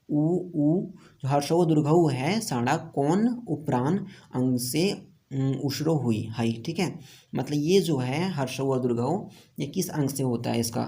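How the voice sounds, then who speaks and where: A man's voice: medium pitch, dark tone. A man from India with a Jharkhand accent, teaching an online exam-prep lesson and going through quiz answers one by one, asking each question aloud and then answering it himself.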